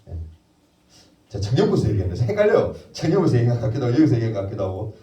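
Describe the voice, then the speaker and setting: A man preaches to a youth congregation with a lively, swinging delivery and a warm, dark tone. He keeps firing questions at his listeners and answering them himself. His voice comes from some way off and rings through a roomy church. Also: mid-range voice, rapid-fire. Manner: lively, acts out prayers in character. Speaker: youth pastor. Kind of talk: sermon to teenagers. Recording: roomy echo, voice heard from a distance.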